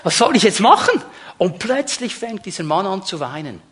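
A man's voice: high voice, sing-song, moderate pace, sharp tone, husky. A man preaching a sermon to his congregation, emphatic and repeating key words, speaking to the listeners directly. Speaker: pastor.

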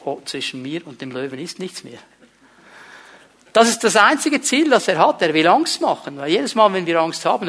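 A middle-aged pastor delivers a sermon in a notably high, ringing voice. He presses his points with emphasis and keeps turning to the congregation with rhetorical questions. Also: a bit bright.

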